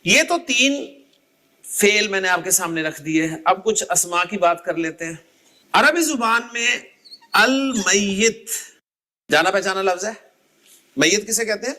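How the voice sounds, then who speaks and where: A man's voice: high-pitched, expressive, measured pace, long pauses, bright, forceful tone. A man teaching an Arabic grammar class, explaining patiently and calling on students by name to recite word endings. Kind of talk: classroom lecture.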